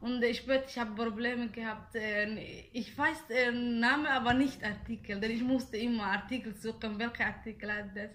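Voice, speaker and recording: Young woman, kinda high voice, lots of ums and restarts, answering questions. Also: steady tone, moderate pace, few pauses, fairly bright tone, slight background noise. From Somalia. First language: Somali. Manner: hesitant, many fillers and restarts. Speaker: interviewee. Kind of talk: casual interview answers.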